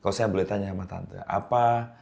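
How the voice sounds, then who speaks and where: A man's voice: on the low side, fairly even intonation, brisk, gravelly, a little mellow. A man hosting a church podcast interview, affirming his guest and asking polite questions. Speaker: podcast host. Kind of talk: casual interview.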